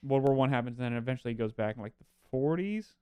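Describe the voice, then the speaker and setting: A man's voice: mid-range voice, lively intonation, quick pace, darkish tone, smooth, dry recording. Guy, podcast co-host, loose rambling delivery full of "like" and "um", dry close sound. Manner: rambling retelling with many fillers. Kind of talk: casual chat.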